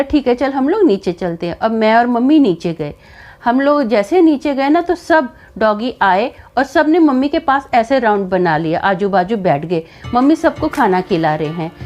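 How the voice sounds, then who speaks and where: A woman's voice: a little high, a little mellow. A woman casually telling a personal family story in a chatty, conversational way. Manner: chatty, conversational, with frequent fillers.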